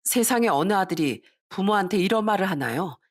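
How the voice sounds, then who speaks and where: A woman telling a scripted story in the first person, steady and plain. Her voice sits at an ordinary middle pitch for a woman. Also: fairly quick. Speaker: narrator.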